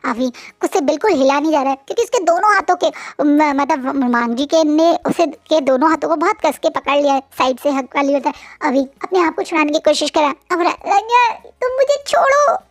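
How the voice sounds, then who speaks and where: A woman's voice: high-pitched, brisk, hardly any pauses, no echo. A woman retelling a fan story in a chatty, casual way with conversational asides.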